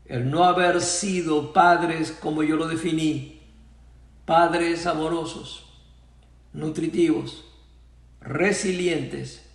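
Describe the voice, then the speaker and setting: Pastor preaching in an echoey hall. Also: male voice, fairly high pitch, fairly even intonation, slow, gravelly, pauses often, recorded from a distance. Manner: recites song lyrics dramatically, voicing father and son. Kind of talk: sermon. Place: church.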